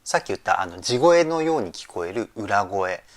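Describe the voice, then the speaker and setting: A man's voice: lowish voice, big pitch swings, normal speed. A man working as a vocal trainer, giving enthusiastic, polite commentary that analyzes a song's singing and explains vocal terms.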